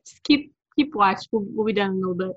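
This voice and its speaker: A woman's voice: medium pitch, fast talker. Dry, sarcastic woman on a dull lo-fi mic. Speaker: player. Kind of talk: casual tabletop play.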